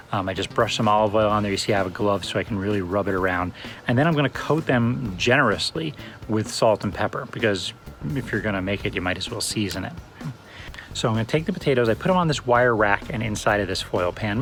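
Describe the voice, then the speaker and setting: Chatty man with a low voice. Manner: relaxed and chatty, with fillers. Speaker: cooking channel host. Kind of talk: casual cooking demonstration.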